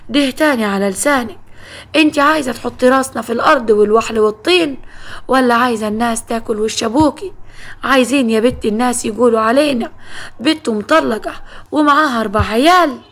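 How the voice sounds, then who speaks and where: A woman's voice: a little high, quick pace. A woman voicing an older, strict Egyptian village mother who lectures her daughter firmly. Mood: stern.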